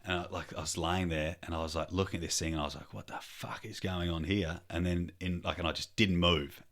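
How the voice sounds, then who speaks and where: A man's voice: sits low, level tone, quick pace, fairly bright tone. A young man telling a story in a laid-back chat, swearing freely and trailing off with fillers. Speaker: podcast host.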